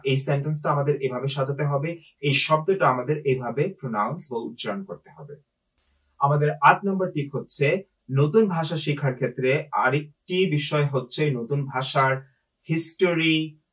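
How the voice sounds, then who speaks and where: A man who works as a physical therapist, giving language-learning tips in a relaxed, conversational way, with frequent "ah" fillers and English words mixed into his speech. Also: mid-range voice, recorded from a distance, rough recording. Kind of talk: casual explanatory video talk.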